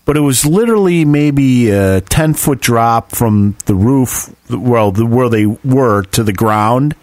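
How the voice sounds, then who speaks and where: A man's voice: mid-range voice, animated, slow, a little mellow, no echo. A man co-hosts a podcast and rants in loose, profane chat, acting out the people in his stories. His voice sits mid-range for a man. The sound is dry and close, with no room around it. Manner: ranting, profane, acts out quoted voices. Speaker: podcast co-host. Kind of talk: casual chat.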